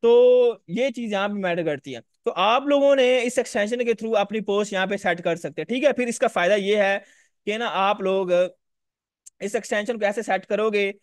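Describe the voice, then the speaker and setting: A fairly high-pitched man walks viewers through a live screen-share tutorial. He talks casually and repeats himself, often checking whether they can see his screen. The voice sits dry and close to the mic. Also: moderate pace, dry recording. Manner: casual, repetitive, addresses viewers directly. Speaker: online course instructor.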